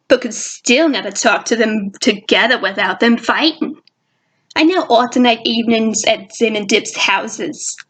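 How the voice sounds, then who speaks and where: A woman's voice: a little high, a bit bright, poor audio. A woman narrating her fan fiction in a put-on jazzy girl voice. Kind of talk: fan fiction audio reading.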